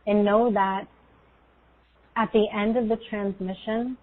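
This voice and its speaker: Woman doing guided meditation talk, slow n soothing, barely changes pitch, tinny call audio. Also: fairly even intonation. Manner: soothing, unhurried, pausing between phrases. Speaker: guest energy healer leading a guided meditation.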